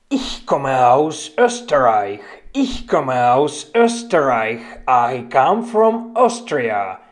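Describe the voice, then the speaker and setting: A woman teaching a language lesson, saying each phrase slowly and deliberately and repeating it. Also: very deep voice, darkish tone. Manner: slow, deliberate repetition of phrases. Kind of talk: scripted language lesson drill.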